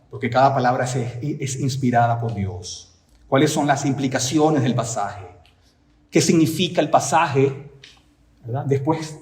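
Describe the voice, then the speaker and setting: A man's voice: medium pitch, a little mellow. Emphatic preaching man, echoey room. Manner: emphatic preaching with repeated rhetorical questions. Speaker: pastor. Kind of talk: sermon.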